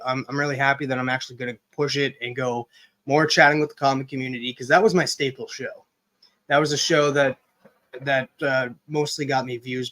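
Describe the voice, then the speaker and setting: A man's voice: medium pitch, a bit bright. A man hosting a casual hangout livestream, chatting with viewers and reading news items aloud. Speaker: livestream host.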